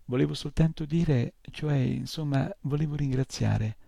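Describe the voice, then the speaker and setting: Earnest young boy hero, humble and polite, husky tone, played by a man. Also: on the high side, measured pace, dark tone, dry recording, clean studio sound, voice pushed up. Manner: earnest and apologetic.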